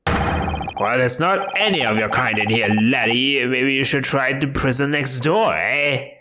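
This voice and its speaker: A man's voice: mid-range voice, noisy background, close to an everyday voice. A man voicing a burly, hostile male prison governor from a video game, reading his lines with a mock Scottish brogue in a curt, threatening way. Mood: gruff hostile. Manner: curt, threatening, slow and drawn out. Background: game music.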